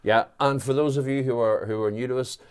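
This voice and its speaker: A man's voice: medium pitch, fairly even intonation, fairly quick, clear, resonant tone. A man co-commentating on a rally live stream, chatty and enthusiastic, sometimes stumbling over his words.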